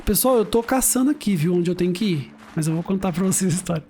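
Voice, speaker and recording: A man's voice: high-pitched, expressive, fast, warm tone, slight background noise. A man chatting casually while streaming a video game at home, telling stories with slang and frequent laughter. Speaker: gaming streamer. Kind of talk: casual let's-play commentary.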